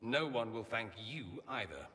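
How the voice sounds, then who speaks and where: A man's voice: medium pitch, big pitch swings, moderate pace, pushed and bright, in a large hall, a little hiss or hum. An actor playing a witty, self-assured male mage from a foreign empire, theatrical in manner, in video game dialogue. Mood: brooding.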